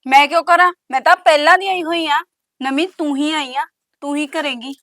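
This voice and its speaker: A taunting elder sister-in-law. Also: female voice, sits high, steady tone, a little fast, fairly bright tone, dry recording, studio quality. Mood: bossy. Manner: taunting, bossy, mocking. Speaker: actress. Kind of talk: village family drama acting.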